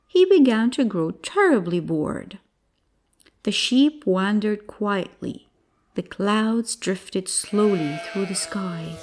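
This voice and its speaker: Slow, expressive woman storyteller. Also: mid-range voice. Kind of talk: children's bedtime story narration.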